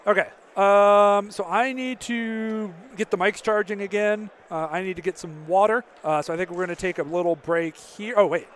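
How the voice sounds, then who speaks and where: Chatty high-voiced male stream commentator. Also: fairly even intonation, moderate pace, hardly any pauses, a bit bright. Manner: chatty, answers chat questions, frequent fillers. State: slightly losing his voice. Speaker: tournament commentator. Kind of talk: casual live-stream commentary.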